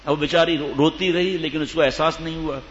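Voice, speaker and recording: A man's voice: fairly high pitch, fairly even intonation. A man preaching a humorous sermon to a live audience, teasing his listeners and acting out the people in his stories. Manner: jokey, teases the listeners, acts out quoted people. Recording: reverberant hall, dull lo-fi sound, faint room noise.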